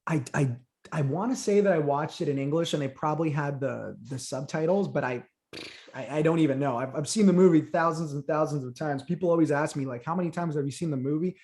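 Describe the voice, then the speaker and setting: A man's voice: fairly high pitch, quick pace, darkish tone. A young man from Honduras whose first language is Spanish, chatting eagerly as an interview guest and often repeating words as he starts a thought. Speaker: guest, Titanic content creator. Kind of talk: casual interview chat.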